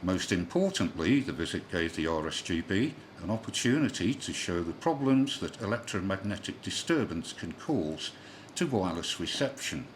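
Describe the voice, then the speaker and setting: This is a low-pitched, sing-song male voice at a moderate pace, reading a scripted ham radio news bulletin as a newsreader. Callsigns come in the phonetic alphabet, with occasional slips along the way, all heard through a clearly noisy shortwave radio broadcast.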